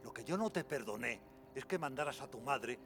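Slow, bitter, haunted Spanish man. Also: lowish voice, lively intonation, over music. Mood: accusing, taunting. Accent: Spanish, from Spain. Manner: slow, insinuating, taunting, with haunted weight. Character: bitter, mocking drunken man haunted by what he witnessed. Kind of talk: film drama acting.

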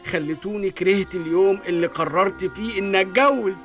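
A man with an Egyptian Arabic accent playing a jealous, excitable young husband in a comic radio drama, indignant and quick. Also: sits high, soft background music. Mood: fed up. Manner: indignant, rapid complaints.

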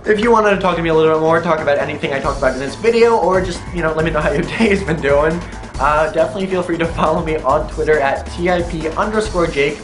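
A man's voice: fairly high pitch, fast. A young man hosting a weekly tech news video, chatty and upbeat, joking about himself now and then. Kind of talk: casual tech news vlog. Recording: roomy echo with faint music.

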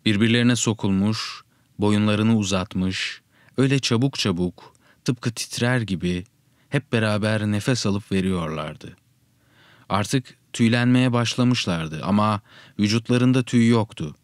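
A man narrating a first-person story in a steady, reflective reading style. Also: lowish voice, measured pace, no room sound, studio quality.

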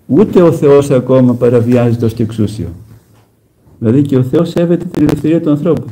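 Dark-voiced man giving a sermon. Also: medium pitch, slight background noise, low-quality recording. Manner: plain storytelling with gentle humor; emphatic direct address to listeners. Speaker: Orthodox monk preaching. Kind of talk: conversational sermon.

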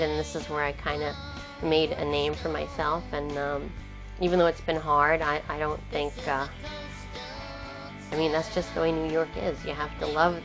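A woman singer-songwriter talking casually in an interview, rambling with frequent restarts and trailing thoughts. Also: sits low. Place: in New York. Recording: muffled lo-fi film sound. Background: guitar music underneath.

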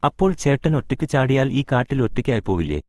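A man's voice: mid-range voice, big pitch swings, quick pace, a little mellow, no echo, studio quality, close to an everyday voice. A man voicing a curious, chatty young woman who keeps asking questions, in a storybook reading. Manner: persistent questioning.

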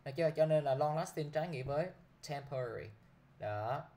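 A man with a fairly quick, high-leaning voice and a dark tone teaches English vocabulary to a class. He keeps checking in with his students by repeating a short prompt.

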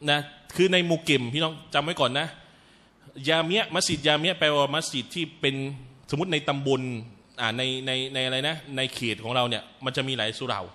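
Speaking a little fast in a fairly high voice, a male Islamic lecturer gives a religious talk. He retells stories in a lively way, sprinkles in Arabic phrases, and addresses listeners as brothers and sisters.

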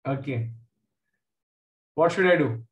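A man's voice: a little high, slow, muffled recording. A man with a South Indian accent teaching a live online maths lesson, informally questioning students and calling on them by name. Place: indoor room, online class from a computer. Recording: echoey room.

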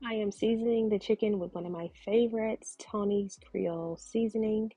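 A woman narrating her cooking video in voice-over, calmly explaining each step. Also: medium pitch, moderate pace, breathy edge, dry recording, faint music behind. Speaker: cooking vlogger.

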